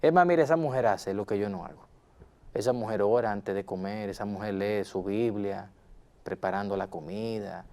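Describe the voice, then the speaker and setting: A man's voice: on the low side, moderate pace, creaky, warm tone. A man playing a hot-tempered husband in a role-played counseling session, insistent and repeating himself as he talks to his counselor. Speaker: counseling client.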